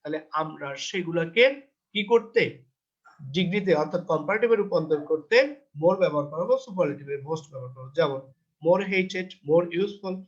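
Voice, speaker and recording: A man teaching English grammar in a test-prep lecture. He asks himself questions and answers them, and he reads the English rules out slowly before explaining them. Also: fairly high pitch, highs cut off.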